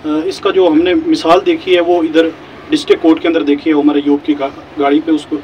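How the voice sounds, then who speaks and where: Male reporter, polite and winding, somewhat high-pitched, faint noise behind, mic well off. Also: level tone, a little fast, a little mellow. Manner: polite, long winding questions. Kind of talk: questioning at a press talk. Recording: voice caught from a distance.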